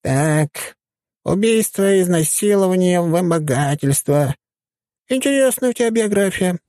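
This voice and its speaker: A man voicing a mischievous male deity who mocks what he sees, in a high, put-on voice. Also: animated, unhurried, a little mellow, no room sound, clean studio sound. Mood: amused.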